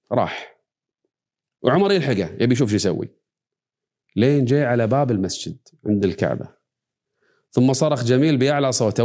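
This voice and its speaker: A middle-aged man with a Gulf Arabic accent telling a story as a preacher, animated and switching between dialect and classical quotes. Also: medium pitch. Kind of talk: dramatic storytelling sermon.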